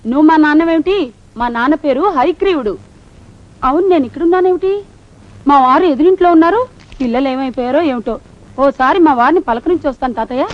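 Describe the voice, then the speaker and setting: A woman playing a brazen past-life wife, rapid and insistent. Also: sits high, lightly acted. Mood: insistent, coy. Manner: rapid, insistent, flirtatiously familiar. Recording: noisy lo-fi film soundtrack.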